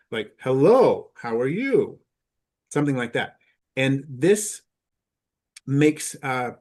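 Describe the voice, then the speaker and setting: A man presenting at a teachers' conference in a mid-pitched voice. He explains carefully and unhurriedly, pausing on "uh" and restarting phrases as he walks through his examples. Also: breathy edge. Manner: measured, explanatory, with frequent "uh" fillers.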